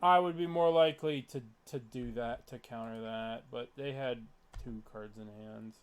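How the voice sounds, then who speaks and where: A man's voice: mid-range voice, normal speed, a little hiss or hum. A man casually thinking aloud as he plays a card game, muttering his moves and swearing when frustrated. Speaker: player commentating his own online card game matches. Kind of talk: casual gameplay commentary.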